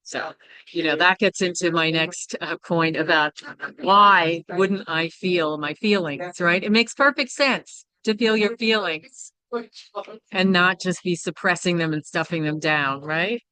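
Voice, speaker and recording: Candid low-voiced woman presenter. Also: unhurried, bright, forceful tone, no echo. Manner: candid and reflective, with frequent "right?" and "you know". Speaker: workshop presenter. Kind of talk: personal teaching talk.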